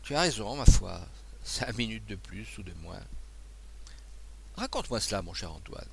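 A man reading the part of an excitable, kindly abbé who stammers and pleads in a flustered way. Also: lowish voice, moderate pace, gravelly, slight background noise, exaggerated voice. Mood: chatty. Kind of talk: audiobook dialogue.

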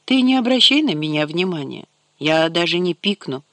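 A man voicing a sharp-tongued, stubborn young woman who answers with sarcasm. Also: a little high, very animated, normal speed, no echo, exaggerated voice.

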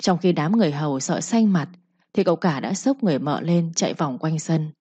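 A woman narrating a storybook in a steady, plain manner. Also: deep voice, brisk, slightly rough, no echo. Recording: dull, lo-fi, dry.

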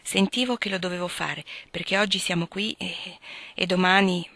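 A woman's voice: fairly low pitch, steady tone, normal speed, vocal fry, bright, forceful tone, dry recording, exaggerated voice. A woman voicing a prim, self-important young girl who speaks earnestly and a little dramatically.

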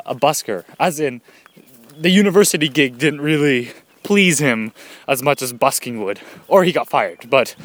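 A man's voice: fairly high pitch, dry recording. A man casually telling a rambling story outdoors, laughing often and slightly out of breath. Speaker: vlogger. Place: outdoors, birds nearby.

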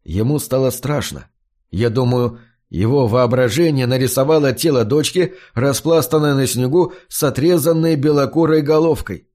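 A man narrating a story in the first person in a measured audiobook reading. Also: mid-range voice, darkish tone.

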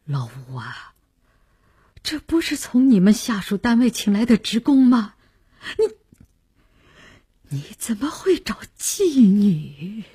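A woman's voice: low-pitched, normal speed, slightly rough, pitched below the performer's own voice. Woman doing a flustered male official. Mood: alarmed. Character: anxious middle-aged male party official, flustered.

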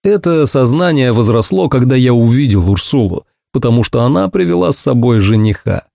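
A man's voice: medium pitch, gravelly, mellow, no room sound. Dry, ironic male audiobook narrator.

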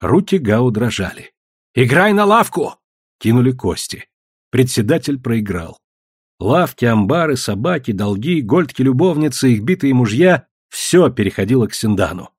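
A man reads an audiobook with a dramatic, expressive delivery. His voice is husky and his pitch moves a lot. The recording is dry and close, with no room sound. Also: normal speed, dry recording. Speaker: narrator. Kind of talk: audiobook narration.

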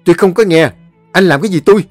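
A man's voice: high voice, quick pace, dry recording, faint music behind, voice pushed up. A man voicing a stubborn young man arguing back heatedly. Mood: defiant.

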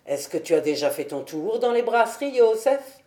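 A woman voicing a jovial, generous man who calls out loudly, read for a storybook recording. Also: fairly high pitch, very animated, moderate pace, reverberant. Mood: hearty. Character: jovial hearty bachelor host, generous man.

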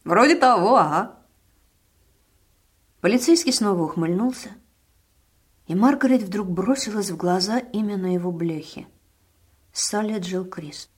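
A woman narrating a story in an expressive, varied reading. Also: medium pitch, moderate pace, breathy edge. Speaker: audiobook narrator.

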